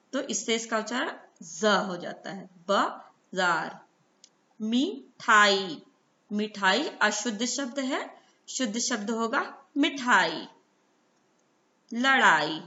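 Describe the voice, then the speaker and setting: Woman teacher going slow and patient, bright higher voice, echoey room, kinda dull lo-fi sound. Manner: slow, patient, asks questions and answers them herself. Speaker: primary school teacher. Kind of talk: online class lesson.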